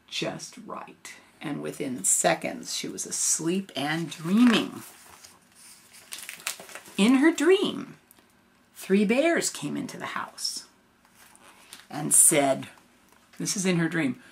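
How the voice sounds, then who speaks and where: Slow, low-voiced grandma reading a storybook. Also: female voice, creaky. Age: older. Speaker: grandmother reading a picture book aloud. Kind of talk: storybook read-aloud with casual asides.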